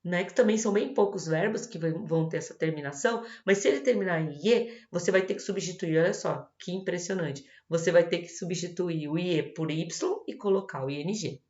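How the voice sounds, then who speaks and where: A woman's voice: on the low side, fairly quick, few pauses, darkish tone. Patient Brazilian woman teaching grammar. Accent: Brazilian Portuguese. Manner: patient, reassuring, checks in with "tá bom?". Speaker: English teacher. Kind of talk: video lesson explaining grammar. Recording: roomy, dull lo-fi recording.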